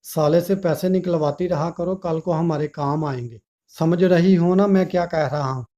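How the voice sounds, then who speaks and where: A man's voice: on the high side, normal speed, dark tone, close to an everyday voice. A man voicing a greedy, manipulative young lover who speaks in a sly, coaxing way, in a dull lo-fi recording.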